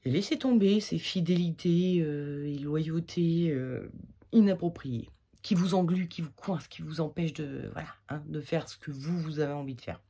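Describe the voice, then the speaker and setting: Low, slightly husky woman, casual tarot reader, rambles with fillers and laughs at her own slips. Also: normal speed, dark tone. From France. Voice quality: slightly husky, irritated throat. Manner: chatty, rambling, many fillers and self-corrections. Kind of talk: casual weekly tarot reading.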